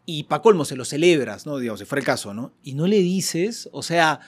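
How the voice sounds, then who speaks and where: A man with a fairly high voice talks casually among others. He recounts things in an animated way and keeps seeking agreement with little tag questions. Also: a little fast, husky. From Peru. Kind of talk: casual group conversation with anecdotes.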